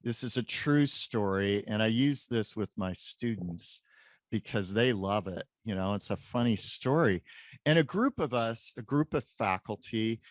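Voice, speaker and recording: Slow-talking animated male storyteller. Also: lowish voice, no room sound. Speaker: guest, professor. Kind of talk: casual interview storytelling.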